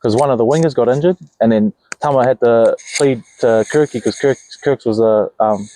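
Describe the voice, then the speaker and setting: Mellow Kiwi man telling stories casually. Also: medium pitch, a little fast, low-quality recording. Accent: broad New Zealand. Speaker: interview guest, rugby player. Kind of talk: casual chat, storytelling.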